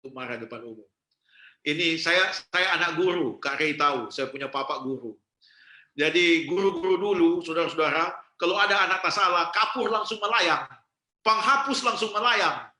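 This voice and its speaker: A man giving a seminar talk, telling lively stories and slipping into character voices. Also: fairly high pitch, normal speed. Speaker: youth seminar speaker, pastor. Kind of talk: seminar talk with acted anecdotes. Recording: roomy echo.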